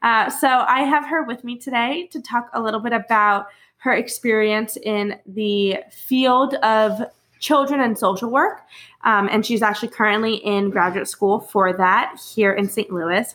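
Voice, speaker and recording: A woman in her twenties hosting a casual podcast, bubbly and quick to laugh, talking over a video call. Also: mid-range voice, a bit bright. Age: 20s. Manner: bubbly, laughs often, upbeat intro voice. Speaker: podcast host. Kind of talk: casual chat.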